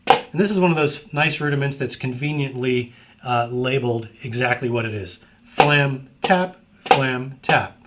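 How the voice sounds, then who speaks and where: A man's voice: mid-range voice, fairly even intonation, a little fast, very noisy. A middle-aged man teaching drum technique in an instructional lesson, explaining step by step and often checking in with the listener. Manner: explanatory, repeatedly checks in with "right?".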